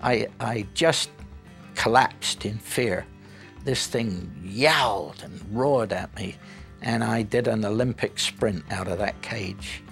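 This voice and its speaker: Gravelly slow-talking man telling a story. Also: fairly low pitch, a bit bright, faint music behind. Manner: vivid, dramatic storytelling. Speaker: cinematographer telling an anecdote. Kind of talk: interview storytelling.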